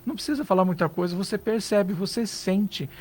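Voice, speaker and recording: High-voiced Brazilian man giving earnest advice. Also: fairly quick, darkish tone. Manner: earnest, advising, rhetorical questions. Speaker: psychologist guest. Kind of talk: radio interview advice. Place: radio studio.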